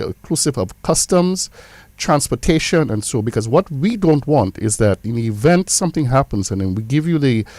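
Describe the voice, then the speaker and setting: A Caribbean man with a medium-pitched voice explains things in an interview, recorded dry. He is emphatic, going back over phrases to stress them. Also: warm tone, no echo. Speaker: insurance representative.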